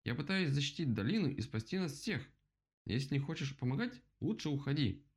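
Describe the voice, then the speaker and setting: A man voicing a loud, boastful, easily frightened male rabbit in a children's storybook, shrill and excitable. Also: moderate pace. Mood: bossy.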